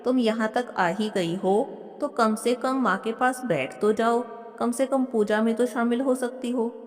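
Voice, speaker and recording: A woman voicing a patient young man who tries to calm his wife in a devotional story. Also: fairly high pitch, unhurried, lightly acted. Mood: placating. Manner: placating, reasonable. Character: patient young husband and son, placating. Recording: long hall reverb.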